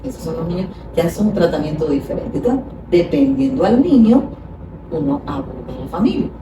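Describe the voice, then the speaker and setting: A woman's voice: lowish voice, very animated, a little fast. Woman psychologist in an echoey room. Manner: explains patiently, acts out parents' scolding. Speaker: child psychologist guest. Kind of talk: conversational explanation. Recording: echoey room, far from mic, noisy.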